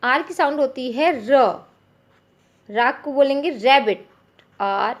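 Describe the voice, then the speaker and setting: Indian woman teaching phonics, high voice, slow and careful, says every letter sound twice. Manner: repeats each letter sound slowly and clearly. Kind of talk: phonics lesson for parents.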